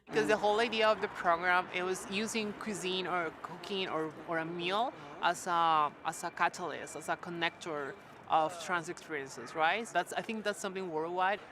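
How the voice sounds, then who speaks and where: A young woman from Colombia, speaking in a documentary interview as a community worker, reflective and searching for words with many fillers. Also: on the low side. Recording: street noise behind voice.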